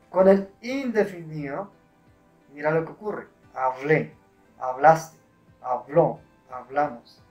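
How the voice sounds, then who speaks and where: A man giving a patient grammar lesson, often checking with short questions. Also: on the high side. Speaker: English teacher.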